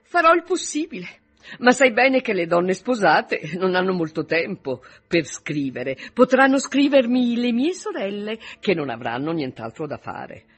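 A man's voice: high voice, big pitch swings, a little slow, a bit bright, slightly rough, pitched above the performer's own voice, exaggerated voice. A man reading aloud, voicing a giddy, self-centred young newlywed woman with a breezy, flippant manner.

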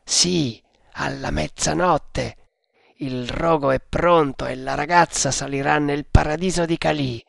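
A man gives voice to a grim, secretive cultist in an audiobook, speaking slowly and deliberately. The tone is gravelly, and the sound is close and dry. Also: fairly high pitch, steady tone, fairly bright tone, no echo, exaggerated voice. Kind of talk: audiobook character voice.

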